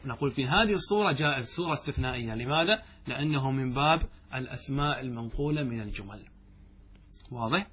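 A man teaching Arabic grammar as a sheikh in a classroom lecture. He asks the class questions, answers them himself, and slows down to chant verses and examples. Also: a little high, fairly bright tone, husky.

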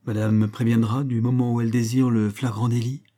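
A man voicing a calm, scheming young female maid, politely deferential and matter-of-fact. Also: mid-range voice, brisk, natural voice. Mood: assured.

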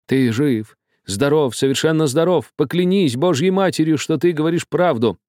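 A man voicing a frightened, trembling old male doctor who talks in a shrill, agitated and pleading way. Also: moderate pace, a little mellow, dry recording, clean studio sound, lightly acted. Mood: frantic.

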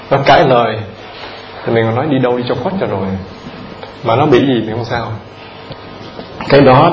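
Against a noisy background, a Buddhist monk with a mid-range voice gives a lay audience a casual dharma talk. He keeps repeating words and directing questions at them, and the audience comes through in the roomy, dull, lo-fi recording.

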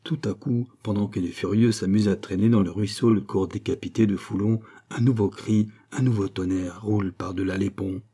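A man narrating a classic novel in a steady, measured reading. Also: on the low side, slightly rough. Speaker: audiobook reader. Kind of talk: scripted narration.

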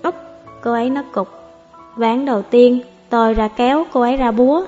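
Woman narrator, calm even storytelling, slightly high voice, faint background music. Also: fairly quick, lo-fi sound. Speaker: audiobook narrator. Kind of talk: scripted novel narration.

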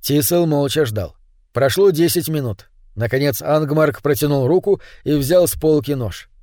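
A man reading an audiobook as narrator in an even storytelling manner. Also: fairly high pitch, moderate pace, no echo, studio quality.

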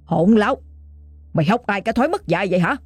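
A woman's voice: fairly low pitch, expressive, fast talker, a little mellow, breathy edge, dry recording, soft background music. A woman voicing a stern, commanding aging father, giving curt orders.

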